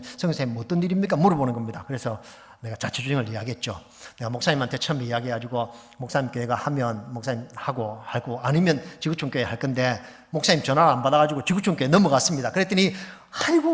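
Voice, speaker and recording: Animated preaching man in a reverberant church. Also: medium pitch. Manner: animated, acts out phone calls and exclamations. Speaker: missionary preacher. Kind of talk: storytelling sermon. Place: church sanctuary. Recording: long reverb of a church hall.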